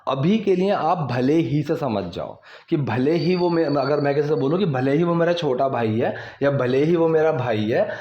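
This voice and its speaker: Guy teaching english phrases, repeats them slow, kinda dull lo-fi sound. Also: a little high. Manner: repeats English lines slowly, checks in with questions. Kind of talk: explaining English sentences to learners. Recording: echoey lo-fi room sound.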